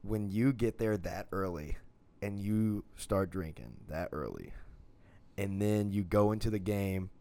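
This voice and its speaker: A man co-hosting a casual podcast chat, swearing freely and telling lively stories. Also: on the low side, unhurried. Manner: profane, animated storyteller. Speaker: podcast co-host.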